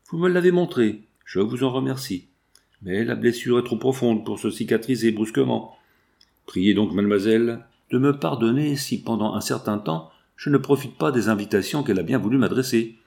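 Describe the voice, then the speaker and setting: A man voicing a heartbroken young man in an audiobook, speaking in an anguished, halting way. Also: medium pitch, expressive, gravelly, a little mellow. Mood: grieving. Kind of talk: audiobook reading.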